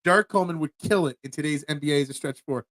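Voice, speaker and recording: A Philadelphia-accented man in his forties runs a solo sports talk show, rambling and restarting with stammers as he reads the chat and makes chatty asides to viewers. His voice is a little high and a bit bright, coming rapid-fire with no room sound.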